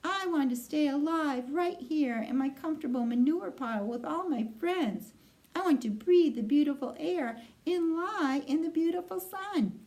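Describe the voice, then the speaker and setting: A woman's voice: high-pitched, animated, moderate pace, darkish tone, voice pushed up, low-quality recording. A woman voicing a naive, frightened young male pig in a storybook, wailing and pleading melodramatically.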